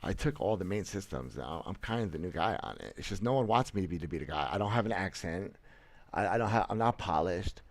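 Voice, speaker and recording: This gaming streamer, a man in his thirties, talks fast in a low voice with lively intonation over a dry recording. He's seated in a small room using a headset mic, with webcam framing, and his casual livestream commentary is blunt, boastful, and full of restarts and stammers.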